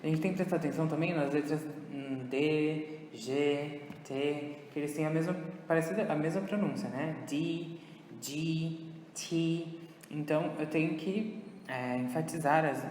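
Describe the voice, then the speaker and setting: A man teaching an English lesson with a Brazilian Portuguese accent, slow and patient as he moves between Portuguese and English. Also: a little high, fairly even intonation, a little mellow, slight background noise. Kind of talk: recorded online lesson. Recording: echoey room with long reverb.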